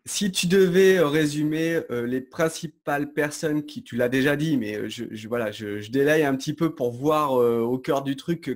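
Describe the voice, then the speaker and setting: A man hosting an interview, friendly and chatty, thinking aloud as he sets up his questions. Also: on the high side. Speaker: host, interviewer. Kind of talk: casual interview talk.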